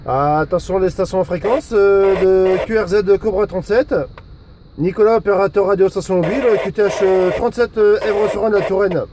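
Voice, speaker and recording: Speaking from outdoors in a storm, an amateur radio operator who volunteers in civil security talks casually, hesitating and repeating himself often. His voice is high-pitched and dark, with fairly even intonation and a moderate pace. Wind is audible, faintly in the background.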